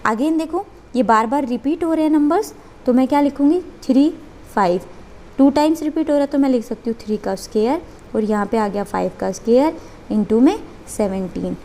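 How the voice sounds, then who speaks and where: A woman's voice: high voice, expressive, fairly quick, dark tone, a little hiss or hum. A woman teaching a maths lesson, working step by step and asking and answering her own questions.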